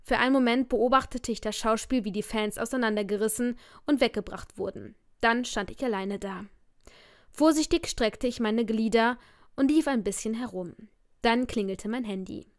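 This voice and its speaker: A woman narrating a romance novel as an audiobook in the first person, with expressive storytelling. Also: a little high, moderate pace, no room sound, studio quality.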